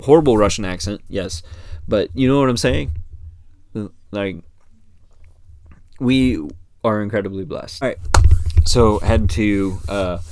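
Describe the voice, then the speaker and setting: A man's voice: on the low side, slow, darkish tone. A man from the United States hosting a podcast alone, chatting casually and rambling, with many fillers and restarts. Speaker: podcast host. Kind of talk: casual solo podcast chat.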